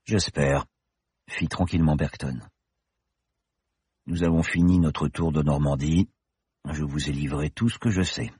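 A man reading an audiobook and voicing a calm, measured, somewhat weary older professor. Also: rumbling low, husky, no echo, studio quality, pitched below the performer's own voice, full character voice. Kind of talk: audiobook character voice.

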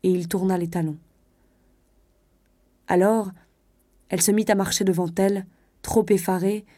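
A woman narrating a classic story in a measured, literary way. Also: mid-range voice, dark tone, no room sound, clean studio sound.

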